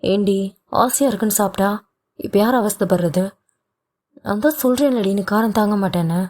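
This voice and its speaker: A woman's voice: mid-range voice, moderate pace, a little mellow, natural voice. A woman voicing a bossy but tender young husband in a romance audio novel, with a blunt, scolding delivery.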